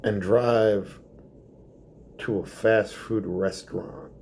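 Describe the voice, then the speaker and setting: A man doing a stand-up comedy monologue in a theatrical way, drawing words out for effect and dropping to hushed asides. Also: fairly low pitch, steady tone, slow, slight background noise.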